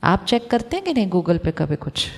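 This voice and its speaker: A woman giving a calm, reflective spiritual talk to an audience of doctors, asking them questions and mixing in English phrases. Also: on the low side, normal speed, in a large hall. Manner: mixes Hindi with English phrases. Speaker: spiritual teacher.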